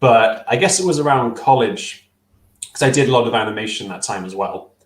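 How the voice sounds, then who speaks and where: Speaking fairly quickly in a mid-range voice, the filmmaker's words reverberate around a small room at home. The young stop-motion artist answers questions over a video call on his headset, thinking aloud with frequent fillers and restarts.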